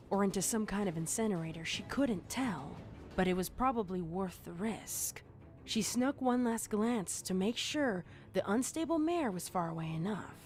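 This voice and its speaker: Over background music, a woman narrates scripted horror fiction as a storyteller. Her voice has a medium pitch and a somewhat dark tone.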